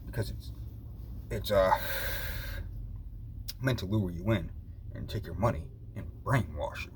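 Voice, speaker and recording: A deep, darkish male voice belongs to a vlogger chatting casually with viewers. He rambles loosely and often repeats himself, and there's noticeable background noise.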